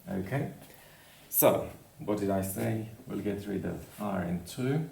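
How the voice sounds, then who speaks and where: Deep gravelly man, unhurried teacher, echoey room, distant mic. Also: warm tone, a little hiss or hum. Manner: repeats "okay?" after each point, spells out endings slowly. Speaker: language teacher. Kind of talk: slow grammar lesson with board work.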